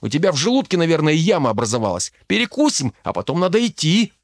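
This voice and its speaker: A man's voice: fairly high pitch, sing-song, fast, no room sound, voice pushed up. Rowdy mocking teen boy done by a man, voice jumps way up and down, dry close sound. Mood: teasing, impatient. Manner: loud, mocking, impatient. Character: brash, crude teenage boy at a magic academy. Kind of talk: audiobook character voice.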